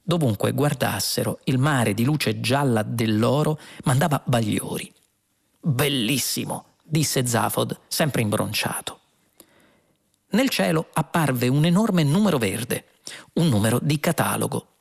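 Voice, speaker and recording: Gravelly male audiobook narrator. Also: medium pitch, animated, unhurried. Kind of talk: scripted narration.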